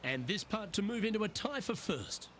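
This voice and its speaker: A man's voice: high-pitched, big pitch swings, normal speed, fairly bright tone, slight background noise. A man playing a composed, upbeat TV-style lead golf commentator for a video game. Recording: crowd and music behind.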